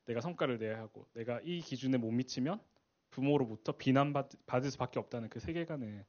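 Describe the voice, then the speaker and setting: A man's voice: fairly high pitch, highs cut off. A man in his forties giving a casual church parenting talk. He laughs often and acts out quoted lines. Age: 40s. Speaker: parenting class speaker at a church.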